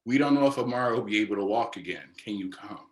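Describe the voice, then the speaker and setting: A man quoting his mother, speaking lower and grave as she delivers hard news. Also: quick pace, echoey room, natural voice. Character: steady grave mother on the phone.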